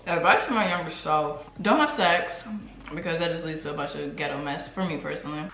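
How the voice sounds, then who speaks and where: A woman's voice: low voice, fairly quick, a bit bright. A young adult woman hosting her own vlog, chatting casually and laughing while she eats. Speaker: vlogger host. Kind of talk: casual chat while eating. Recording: roomy home recording.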